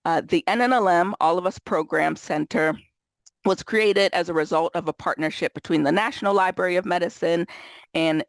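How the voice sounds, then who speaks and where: A woman's voice: on the low side, dry recording. A woman moderating a webinar, sounding nasal from a cold, talking casually with lots of fillers over a video call. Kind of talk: webinar housekeeping intro.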